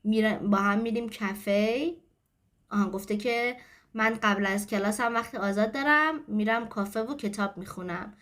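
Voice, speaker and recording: A woman teaching English grammar in a steady, explanatory way. Her voice sits at a middle pitch, and she moves between explanations and example sentences. Her tone stays patient and clear throughout.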